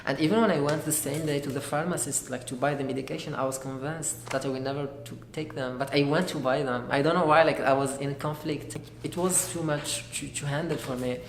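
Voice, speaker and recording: A young man from Algeria, giving an earnest, halting personal testimony as a graduate student. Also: fairly high pitch, fairly even intonation. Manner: earnest, halting, searching for words. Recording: echoey room with faint noise.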